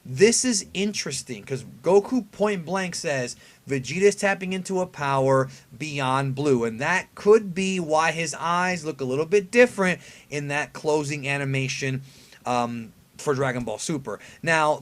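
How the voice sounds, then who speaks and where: A male anime review host speaks in a fairly high register. He breaks down a preview in a casual, conversational way, stressing his points and putting rhetorical questions to viewers. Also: moderate pace, a bit bright. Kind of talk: casual fan commentary breaking down an episode preview.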